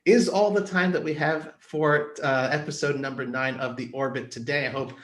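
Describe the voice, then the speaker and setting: A man's voice: on the high side, fairly even intonation, moderate pace. A man hosting a panel talk show over a remote video call, polite and upbeat as he thanks the guests and closes. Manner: upbeat, polite wrap-up delivery. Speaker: show host. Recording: roomy echo.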